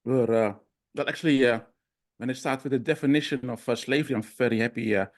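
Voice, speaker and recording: Man, plain middle voice, halting seminar speaker on a video call. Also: medium pitch. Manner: halting, many fillers and restarts. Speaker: discussion participant. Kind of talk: online seminar discussion.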